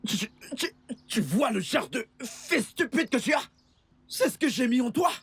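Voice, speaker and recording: A bullying, abusive husband in a French-dubbed film drama. His gravelly voice sits high and mocks. Faint music plays under it. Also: expressive, normal speed, fairly bright tone, full character voice. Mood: mocking. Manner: mocking, bullying. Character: cruel abusive husband and father.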